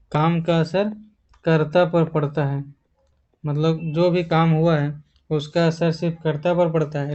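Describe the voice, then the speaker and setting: A man teaching an English grammar lesson, repeating key terms and explaining slowly and patiently. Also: fairly high pitch, darkish tone, dull audio.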